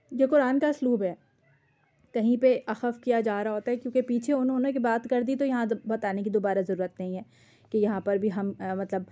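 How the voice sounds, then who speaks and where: A woman's voice: medium pitch, a little mellow, highs cut off. A woman, teaching a word-by-word translation lesson, patiently explaining each word and checking that her students follow.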